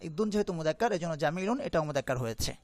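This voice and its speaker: A man teaching a lesson on Arabic grammar. He asks questions and answers them himself, and reads Arabic phrases slowly before translating them. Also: a little high, animated, a little mellow, no room sound. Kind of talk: classroom lesson.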